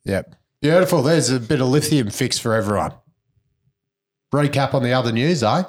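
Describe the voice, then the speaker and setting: A man's voice: mid-range voice, expressive, moderate pace. Man, Australian accent, podcast host, casual news recap, slangy, blokey, laid-back.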